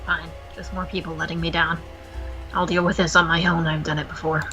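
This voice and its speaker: A woman's voice: low voice, level tone, fairly quick, pushed and bright, muffled recording, faint music behind. A woman voicing a young, secretive and proud troll girl in a game playthrough. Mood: bitter.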